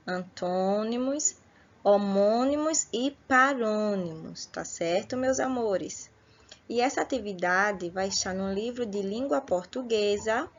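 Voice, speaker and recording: A woman teaching an online school lesson, slowly explaining words and calling her pupils her dears. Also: medium pitch, fairly bright tone, highs cut off. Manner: slow, explanatory, affectionate asides to pupils.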